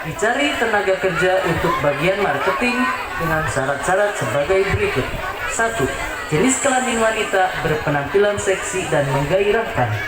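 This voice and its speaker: A high-pitched man delivers parody news like a mock-serious anchor. The recording is echoey and very noisy, with a loud crowd behind him. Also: animated, normal speed. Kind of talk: comic mock news reading. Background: loud crowd and noise.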